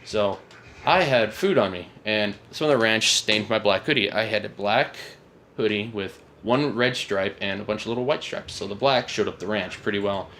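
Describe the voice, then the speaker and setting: Young male vlogger, low-pitched, rambling and self-correcting storyteller, faint background noise. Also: normal speed, a bit bright. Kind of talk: casual storytime rant.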